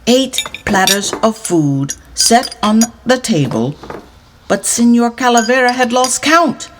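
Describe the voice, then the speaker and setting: A woman narrating a storybook trickster tale with dramatic, deliberate emphasis. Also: on the high side, expressive, background noise.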